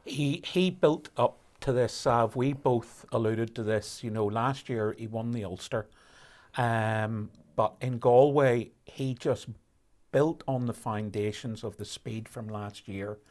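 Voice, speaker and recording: A man commentating on a rally live stream, explaining conditions in a measured way with fillers and restarts. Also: mid-range voice, a little mellow.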